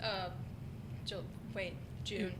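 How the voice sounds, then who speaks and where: A woman's voice: mid-range voice, little pitch movement, drawn-out words, slight background noise. A woman in her early twenties, a podcast guest chatting in an easygoing, agreeable way. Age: 20s. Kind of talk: casual chat.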